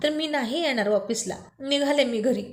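A woman's voice: high-pitched, normal speed, roomy sound, natural voice. A woman reading a sulky, snappish young woman. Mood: irritated. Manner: snappish, curt replies. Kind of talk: storybook reading.

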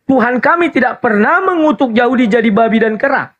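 A man's voice: very high voice, expressive, brisk, fairly bright tone. A man in a heated religious debate over an online call, insisting on taking turns and explaining his position. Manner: insistent, keeps demanding turns to speak. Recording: slightly muffled call audio.

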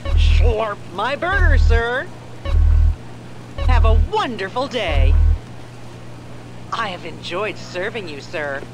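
A too-smooth android-like cashier. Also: medium pitch, animated, slow, pauses often, rough recording. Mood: eerily polite. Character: eerily polite fast-food cashier. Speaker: fast-food cashier. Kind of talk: video game dialogue. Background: game music.

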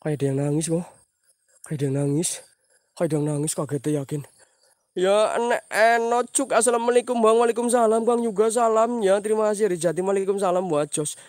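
A man's voice: high-pitched, fairly even intonation, a little fast, a little mellow, no echo, clean studio sound. A man hosting a live night ghost-hunt stream outdoors, jumpy and praying aloud while he walks and reads out viewer names. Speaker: livestream host exploring at night.

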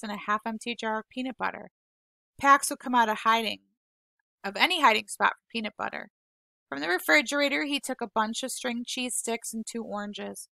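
A woman teacher reading a novel aloud to her class, unhurried and gentle, apologizing now and then when she stumbles over words. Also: fairly high pitch, vocal fry, no room sound. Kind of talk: read-aloud storytelling.

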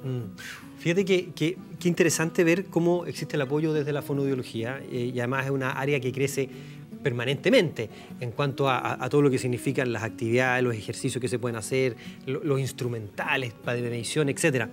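A man hosting a TV talk show, playful and joking, asking quick questions. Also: mid-range voice, fairly even intonation, over music. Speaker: TV show host. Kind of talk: casual TV talk show chat.

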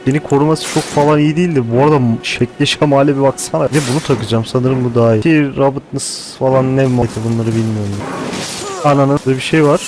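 A man giving casual gameplay commentary, excitable and thinking out loud, with casual swearing. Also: mid-range voice, background noise. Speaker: gaming host.

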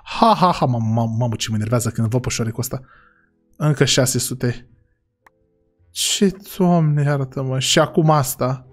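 A man's voice: mid-range voice, fairly even intonation, long pauses, faint music behind. A young man hosting a comic family role-play over a game, exasperated and often talking straight to his viewers. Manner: exasperated, keeps sighing to God and talking to viewers. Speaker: gaming channel host.

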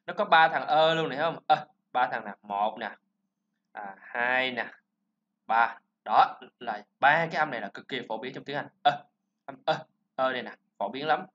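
A man's voice: medium pitch, a bit bright, a little hiss or hum. Man drilling pronunciation, dull recording. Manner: repeats sounds slowly and drills words. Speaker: English pronunciation teacher. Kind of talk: classroom-style pronunciation lesson.

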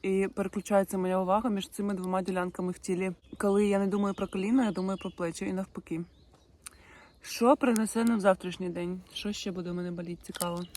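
Woman vlogger, mid-pitched, chatty and self-deprecating, echoey room, set back from the mic. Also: fairly even intonation, fast, a little mellow, a little hiss or hum. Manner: chatty, addresses viewers directly, self-mocking asides. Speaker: travel vlogger. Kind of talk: casual talk to camera. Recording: roomy and distant from the mic.

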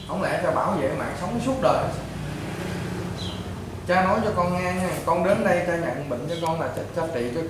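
A high-pitched man with a Southern Vietnamese accent, a priest who counsels a patient in blunt, repetitive lectures. He sounds distant from the microphone. The room is strongly echoey, with clear background noise. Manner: blunt, repetitive, lecturing, addressing the listener as a child. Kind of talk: informal counseling talk to a patient.

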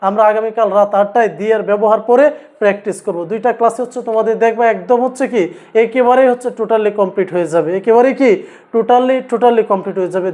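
A man's voice: extremely high pitch, darkish tone. A man teaching an English grammar lesson, asking students repeated rhetorical questions as he drills each rule. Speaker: English tutor.

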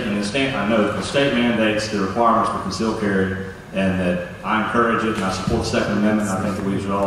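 Low-voiced man in a booming hall. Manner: halting, restarts often. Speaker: sheriff candidate at a forum. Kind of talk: public forum answer. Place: large church hall, indoors. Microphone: handheld mic, filmed from far. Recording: echoey hall from far off, hiss.

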